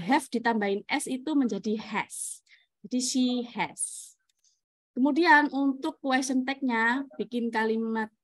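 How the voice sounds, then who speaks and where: A woman's voice: on the high side, dry recording. A woman teaching an English grammar class over a video call, chatty, laughing often and answering her own questions. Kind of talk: online class explaining grammar.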